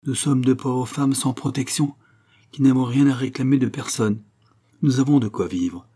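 A man's voice: medium pitch, warm tone, pitched above the performer's own voice, natural voice. A man reading as a dignified weary mother. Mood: dignified resigned. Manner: dignified, resigned, measured. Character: dignified, weary widowed mother, aged before her time.

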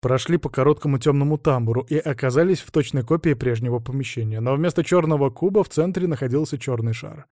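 A man's voice: mid-range voice, fast, hardly any pauses, dark tone, no echo, clean studio sound. Man narrating a fantasy audiobook. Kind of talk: scripted narration.

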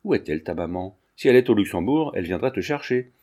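A man reading a storybook, voicing a gruff but kindly old army sergeant who scolds and blusters. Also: lowish voice, expressive, quick pace, warm tone. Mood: scolding. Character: gruff, good-natured old army sergeant park keeper.

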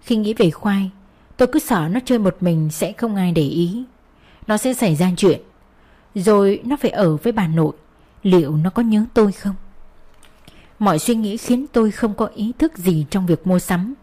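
A woman's voice: medium pitch, normal speed, mellow. Woman reading a sorrowful first-person story. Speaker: audiobook narrator.

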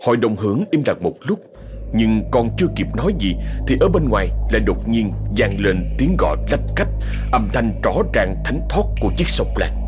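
A man narrating a ghost story dramatically. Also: fairly low pitch. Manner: dramatic, expressive.

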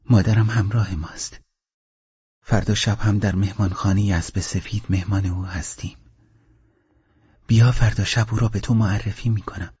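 A man voicing a tender, sad young woman lover in an audiobook, raising his husky voice a little and speaking softly. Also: fairly low pitch, steady tone, long pauses, no echo, lo-fi sound. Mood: pleading.

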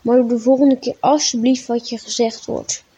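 A woman's voice: a little high, steady tone, moderate pace, mellow, breathy edge, dull audio. A woman voicing a caring young mother in a storybook, speaking in a soothing, reassuring way.

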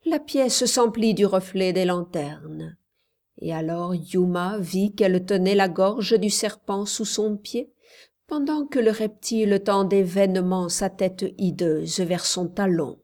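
A woman narrating an audiobook in a measured, calm storytelling voice. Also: medium pitch.

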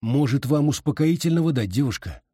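A man voicing a tired ambulance doctor giving brisk, businesslike instructions. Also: medium pitch, expressive, warm tone, slightly rough, no echo, clean studio sound, pitched above the performer's own voice. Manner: brisk commands.

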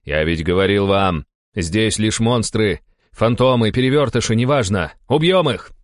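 A man voicing a furious, ruthless count in an audiobook, shouting and snarling. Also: fairly low pitch, moderate pace, dry recording, pitched above the performer's own voice, natural voice.

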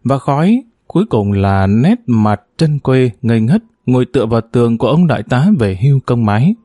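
A man narrating an audiobook chapter in a measured, expressive storytelling manner. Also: medium pitch, no room sound, clean studio sound.

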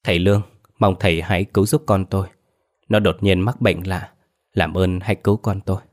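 A man voicing a grieving middle-aged mother who wails and begs, her voice hoarse from crying, in a told story. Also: deep voice, fairly even intonation, a little fast, natural voice. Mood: wailing, pleading. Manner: wailing, begging.

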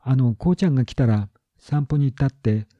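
A man voicing a mild, easygoing young male schoolteacher in a story, with gentle, unhurried speech. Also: medium pitch, dry recording, natural voice. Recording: dull lo-fi recording.

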